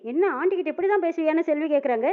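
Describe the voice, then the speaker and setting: A woman retelling a TV serial episode, quickly voicing each character's lines and tagging who said them. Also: very high voice. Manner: rapid retelling with reported-speech tags. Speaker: serial recap narrator. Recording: tinny phone-like audio.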